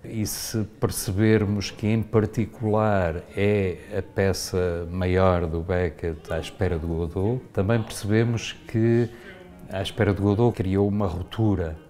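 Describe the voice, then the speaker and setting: Deep-voiced man explaining a play. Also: steady tone, measured pace, warm tone, faint music behind. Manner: thoughtful, explanatory, frequent "não é?". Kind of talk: interview.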